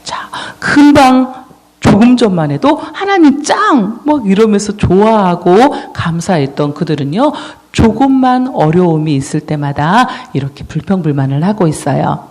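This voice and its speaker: Lively children's sermon storyteller. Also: medium pitch, a little slow. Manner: storytelling, asks the children questions. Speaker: children's ministry preacher.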